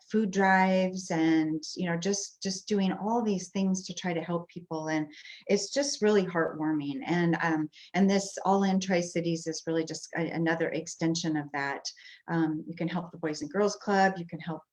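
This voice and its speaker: Earnest woman with a lowish voice. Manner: earnest, lots of fillers. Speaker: guest. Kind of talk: casual video call chat. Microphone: video call.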